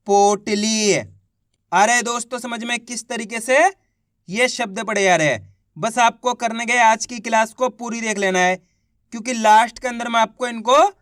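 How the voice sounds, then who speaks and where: A man teaching beginners to read, spelling out each syllable slowly and then blending it into a word, encouraging his viewers as friends. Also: extremely high pitch, a bit bright, dry recording, studio quality. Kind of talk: slow syllable-by-syllable reading lesson.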